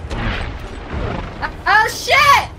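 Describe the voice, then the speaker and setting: A woman co-playing a game, chatting casually, excitable, laughing often and swearing. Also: extremely high pitch, drawn-out words, background noise. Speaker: co-player. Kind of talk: casual gameplay chat.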